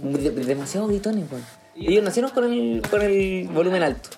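A man's voice: sits high, expressive, normal speed, gravelly, a crowd in the background. A young man with a Chilean accent, a podcast guest who jokes, swears and defends himself in casual banter. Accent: Chilean Spanish. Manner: joking, defensive, swears often.

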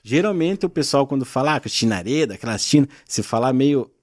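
A man's voice: medium pitch, expressive, a little fast, darkish tone, dry recording, studio quality. A man, the guest on a podcast, patiently explaining regional expressions in casual chat. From southern Brazil. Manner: patient, explanatory, frequent tag questions. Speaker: guest, gaúcho culture content creator.

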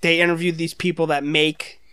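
A man's voice: fairly high pitch, level tone, moderate pace, bright, forceful tone, smooth. A man chatting casually on a podcast, telling rambling stories full of slang and swearing. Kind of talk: casual chat among friends on a podcast.

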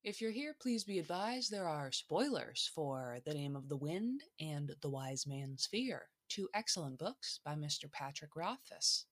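Solo podcast host, woman, low and dry, morning voice, playful asides. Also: a bit bright, no echo. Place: home back room.

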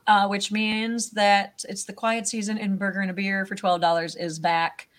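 A woman with a mid-range voice co-hosts a relaxed local talk show. She strings together news items in a chatty, unhurried way. Her fillers and restarts keep it informal. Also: mid-range voice. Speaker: co-host of local business roundup. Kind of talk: casual chat, reading out local news.

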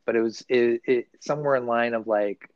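A man's voice: mid-range voice, fairly even intonation, brisk, dry recording. A man co-hosting a casual podcast, rambling and swearing freely, often restarting his sentences. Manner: rambling, profane, loose and self-correcting. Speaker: podcast co-host. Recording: dull, dry recording.

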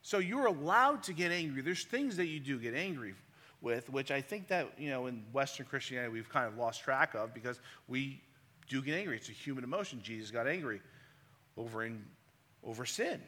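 Man, preacher, sermon, bright voice, conversational, rhetorical questions, long hall reverb. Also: medium pitch, animated, a little fast.

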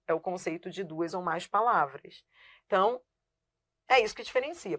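A woman's voice: medium pitch, a bit bright. A woman teaching a live online grammar class. She asks herself rhetorical questions, answers them at once, and keeps checking that the viewer is following while she writes on a board. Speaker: Portuguese teacher.

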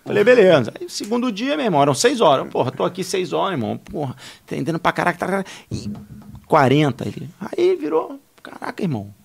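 Carioca man, podcast guest, animated slangy storyteller, fast and gravelly. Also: high voice. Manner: animated, slangy, laughing through anecdotes. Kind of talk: casual storytelling.

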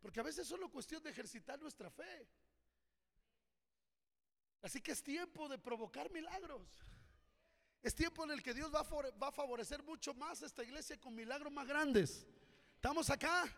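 A man's voice: very high-pitched, moderate pace, gravelly, pauses often, a bit bright. A man preaching a fervent sermon as pastor, urging his congregation on. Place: church hall. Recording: reverberant church hall.

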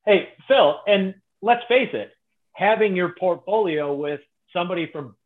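A man's voice: high voice, lively intonation, measured pace. A man hosting a casual podcast, easygoing as he wraps up the show. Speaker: podcast host. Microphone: phone. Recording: phone-like tinny line.

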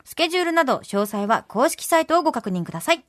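Lively Kansai woman radio host. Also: high-pitched, quick pace, dry recording, clean studio sound. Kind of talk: radio show chat and announcements.

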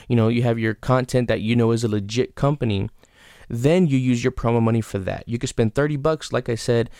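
A man with a mid-range, darkish, smooth voice hosts his own casual solo podcast, giving frank, rambling advice full of fillers and restarts, with casual swearing. He has the hiccups, and the recording is dry with clean studio sound.

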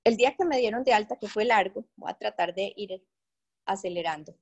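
A woman from Colombia speaks with a lilt as she shares a personal faith story. Her telling is earnest and emotional, and she addresses the listeners directly. Her voice sits at an ordinary middle pitch. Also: fairly quick, muffled recording. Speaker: speaker giving a testimony.

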